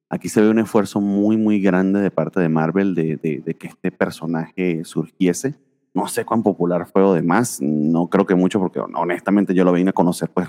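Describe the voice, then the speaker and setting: A man's voice: sits low, dark tone, big-room sound. A man co-hosting a casual podcast about comic books, rambling with many fillers. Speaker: podcast co-host.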